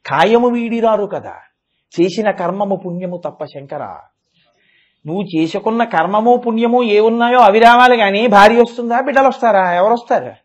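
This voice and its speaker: A man giving a devotional discourse, chanting verses slowly and explaining them with fervent rhetorical questions. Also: sits high, dull audio. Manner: rhetorical questions and emphatic repetition. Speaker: religious discourse speaker.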